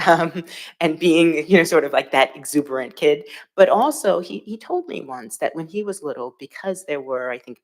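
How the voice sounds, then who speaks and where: Low-voiced woman recalling a mentor. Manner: reflective, thoughtful storytelling with frequent fillers. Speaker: panelist. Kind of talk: panel discussion.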